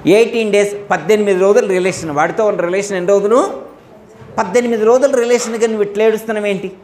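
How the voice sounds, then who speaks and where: A man's voice: sits high, fairly even intonation, fast, darkish tone. A man giving a spiritual discourse, asking his listeners question after question and acting out the dialogue of the story. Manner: asks listeners rhetorical questions, acts out dialogue. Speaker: spiritual teacher. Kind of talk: Telugu religious discourse.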